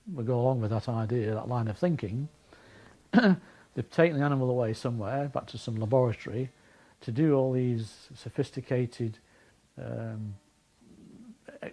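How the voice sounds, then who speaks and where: A man gives an interview about his investigations, speaking in a measured way and often restarting his sentences. His voice is dark and mellow, with a gravelly, husky edge and a mid pitch. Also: low-quality recording. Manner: measured, recounting with frequent restarts. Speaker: investigator of animal deaths. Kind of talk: interview answers.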